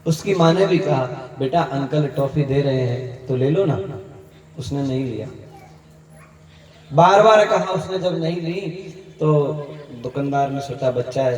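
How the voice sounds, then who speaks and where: Storytelling preacher in an echoey hall. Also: male voice, medium pitch, warm tone, slight background noise. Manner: storytelling preacher, acts out dialogue, chuckles to the crowd. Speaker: kathavachak. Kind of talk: Hindi katha sermon storytelling. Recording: echoey hall, distant mic, faint ambience.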